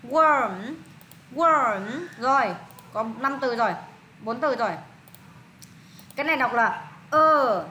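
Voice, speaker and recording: Woman, Vietnamese accent, high-pitched, patient tutor, repeats and prompts. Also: expressive, pushed and bright, reverberant, a little hiss or hum. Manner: patient, repeats words slowly and prompts the student. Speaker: English tutor. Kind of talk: one-on-one pronunciation tutoring.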